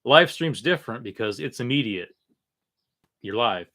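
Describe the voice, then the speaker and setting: A man hosting a casual, unscripted livestream, talking in a halting way that often trails off. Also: mid-range voice, expressive, bright, forceful tone. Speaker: livestream host.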